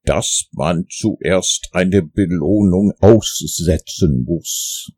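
Fussy, lecturing storybook owl, long-winded and pompous, in a man's slow, husky, gravelly voice. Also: low voice, warm tone, heavily acted.

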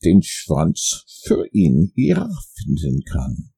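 A man voicing a humble, simple-minded teddy bear who speaks meekly and wistfully, in a gravelly voice. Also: very deep voice, wildly swooping pitch, warm tone, heavily acted. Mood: earnest, puzzled. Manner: meek, slow and wistful.

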